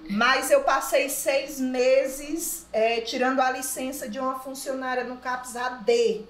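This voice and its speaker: A woman's voice: high-pitched, steady tone, measured pace. Chatty woman, echoey room. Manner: chatty, anecdotal. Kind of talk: casual panel discussion. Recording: echoey room with faint noise.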